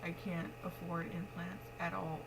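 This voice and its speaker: A young woman with a slightly low voice chats in a frank, rambling vlog style. She speaks with missing front teeth and keeps a matter-of-fact delivery. The recording has clear background noise and a hum. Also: little pitch movement, measured pace. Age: young adult. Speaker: pregnant vlogger. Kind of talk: casual confessional vlog talk.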